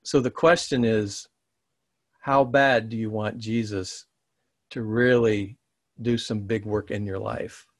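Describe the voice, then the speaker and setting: A man preaching a conversational, earnest sermon and then reading a blessing slowly. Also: on the low side, fairly even intonation, dry recording, clean studio sound. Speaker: pastor.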